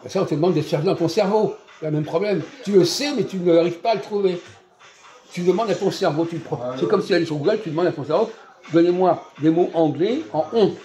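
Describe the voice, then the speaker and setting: A man hosting a casual, teacherly chat in a fast-food restaurant, quizzing his guest with repeated questions and sudden bursts of emphasis. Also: high voice, mellow.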